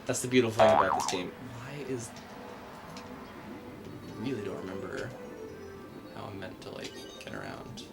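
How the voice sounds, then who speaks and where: A man's voice: low-pitched, lively intonation, normal speed, vocal fry, long pauses, over loud music. Jokey man hosting a live game stream. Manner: jokey, laughs often, mutters while playing. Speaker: host. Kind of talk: casual chat while playing a game live.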